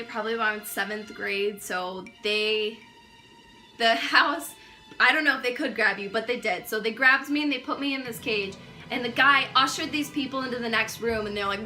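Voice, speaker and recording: A young woman vlogger telling a casual storytime, chatty and animated, with lots of swearing and fillers. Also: on the high side. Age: young adult.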